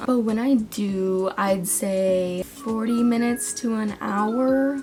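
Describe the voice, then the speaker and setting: A woman's voice: medium pitch, a little mellow. A young woman talking casually in a vlog, giving singing advice with a chatty, self-deprecating manner and frequent laughs. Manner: chatty, self-deprecating, laughs often, breaks into sung demos. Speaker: singing vlogger.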